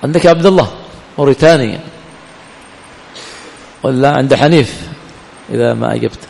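A man's voice: medium pitch, a little fast, vocal fry, a little mellow. Man teaching a class in a reverberant hall. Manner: quizzes students, asks and answers his own questions. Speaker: teacher of hadith and grammar. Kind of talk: classroom lesson with questions to students. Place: lecture hall of an Islamic study center. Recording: long hall reverb, faint room ambience.

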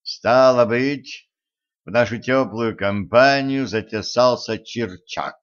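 A man reading a stern, sarcastic immortal man who speaks slowly and low, with dry humor. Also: highs cut off, close to an everyday voice. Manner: slow, low, dryly mocking.

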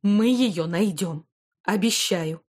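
A firm, loving old grandmother, stern when she scolds and gentle when she reassures, as a woman voices her in an audiobook. Her steady voice dips a little lower and softer in the tender moments. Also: takes it slowly. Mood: reassuring. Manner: warm but stern, reassuring. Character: caring, firm elderly grandmother. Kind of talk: audiobook character voice.

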